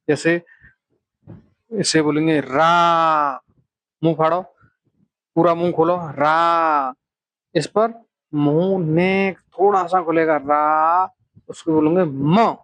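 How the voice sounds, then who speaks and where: A man's voice: on the high side, no room sound. A man teaching children a phonics lesson, stretching out syllables and coaxing them to repeat after him.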